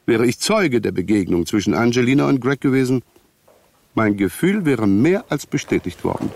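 An actor playing a wry, grumbling friend of a detective, narrating a German radio crime drama in a wordy, ironic, conversational way. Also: male voice, medium pitch, lively intonation, moderate pace, vocal fry, a little mellow. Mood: uneasy.

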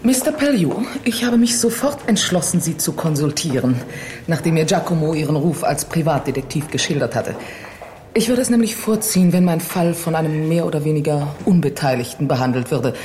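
An actress playing a poised, haughty film star in a German radio crime drama, speaking in a formal, measured, self-assured way. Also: female voice, sits low, lively intonation, dark tone, slight background noise. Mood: poised, businesslike.

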